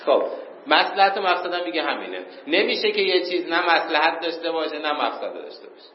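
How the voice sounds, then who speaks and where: A man's voice: on the high side, big pitch swings. A man teaching an informal class. He reads passages aloud in Arabic, then explains them plainly and chuckles now and then. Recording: roomy, dull lo-fi recording with faint noise.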